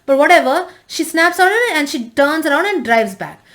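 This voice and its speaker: High-voiced woman rambling through a recap. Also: animated, a little fast, a bit bright. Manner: rambling recap with frequent restarts and fillers. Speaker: TV reviewer. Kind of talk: casual spoiler review recap.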